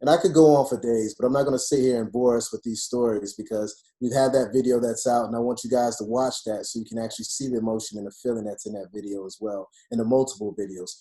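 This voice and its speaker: A man talking as an optometrist guest in a conversational interview. His voice is dark and mellow, and he makes his points emphatically and persuasively. He leans on "you know" as he talks. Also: medium pitch, steady tone, fast, few pauses.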